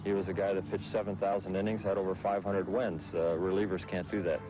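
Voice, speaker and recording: Man in his thirties, baseball pitcher, relaxed interview answers, low voice, faint music. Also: brisk, rough recording. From Netherlands, raised in Southern California. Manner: relaxed, frequent "uh" fillers.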